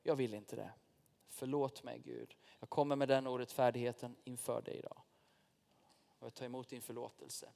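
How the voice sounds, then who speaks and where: A man's voice: mid-range voice, steady tone, creaky, warm tone. A man preaching as a pastor in a church, talking informally and directly to the congregation and telling personal stories. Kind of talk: sermon. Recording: long reverb of a church hall.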